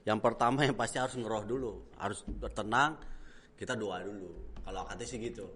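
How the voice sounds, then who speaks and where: A man hosting a casual talk show, asking guests questions in a relaxed way. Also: fairly low pitch, a little fast. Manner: relaxed, asks questions, nods along. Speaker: host. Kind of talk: casual chat.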